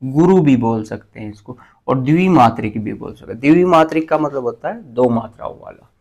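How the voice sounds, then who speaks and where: A male teacher giving an exam-prep grammar lesson, explaining slowly and asking and answering his own questions. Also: medium pitch, lively intonation, darkish tone, lo-fi sound.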